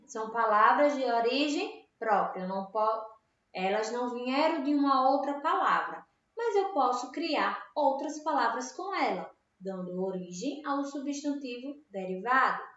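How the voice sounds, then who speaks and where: High-voiced Brazilian teacher, echoey room. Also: female voice, fairly bright tone. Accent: Brazilian Portuguese. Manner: patient and explanatory, checks in with "certo?" and "tá?". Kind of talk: classroom grammar lesson. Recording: very echoey room, dull lo-fi sound.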